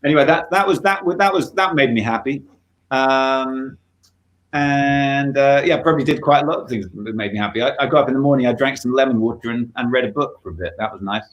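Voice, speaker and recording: A man's voice: medium pitch, a little fast, poor audio. A man being interviewed as a musician, talking in a reflective, thoughtful way over a video call, often restarting his sentences. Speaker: guest musician. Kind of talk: casual interview chat.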